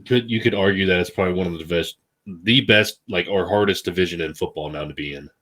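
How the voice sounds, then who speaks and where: Low-voiced man in casual sports chat. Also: quick pace, fairly bright tone, low-quality recording. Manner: hesitant, filler-heavy listing. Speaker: podcast co-host, team fan.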